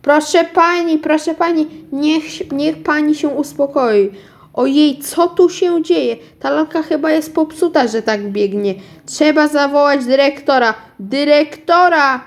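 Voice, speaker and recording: A woman's voice: sits high, measured pace, pitched above the performer's own voice. A woman voicing a bewildered adult saleswoman in a read-aloud storybook, pleading and raised. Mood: flustered. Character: flustered adult saleswoman at a store counter.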